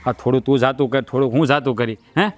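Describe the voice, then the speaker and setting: A man's voice: medium pitch, fairly even intonation, fast talker, natural voice. An actor playing a poor young husband who keeps soothing and pleading with his wife. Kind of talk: village family drama.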